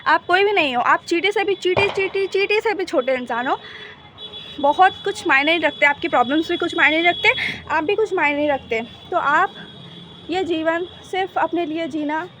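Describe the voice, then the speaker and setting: A woman's voice: very high-pitched, normal speed, fairly bright tone, slight background noise. A young woman talking casually to her viewers in a vlog, chatty and motivational, mixing in English words. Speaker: vlogger. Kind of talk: casual vlog talk to camera.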